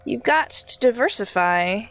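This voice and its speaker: A woman's voice: a little high, expressive, measured pace, a bit bright. A woman reading game dialogue aloud, voicing a baby character as a world-weary old man who rambles through his stories.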